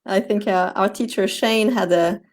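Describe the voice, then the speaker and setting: Woman hosting a video call interview, mid pitch, friendly, lots of ums and restarts. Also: steady tone, moderate pace. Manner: friendly, many fillers and restarts, laughs often. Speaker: interview host. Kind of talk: casual interview.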